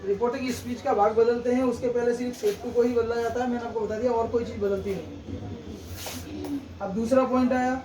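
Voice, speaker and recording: This man's voice is extremely high, his intonation fairly even, his pace brisk. In a classroom-style grammar lesson he explains things step by step and keeps saying "theek hai," nearly after each point. Echo, background noise, and a distant mic are audible.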